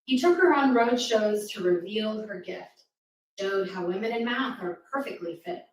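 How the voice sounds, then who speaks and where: A woman with an expressive mid-range voice, at normal speed, reads rhymes aloud to young children at a live event and invites them to take part. The roomy venue sounds echoey, and the distant mic catches faint noise.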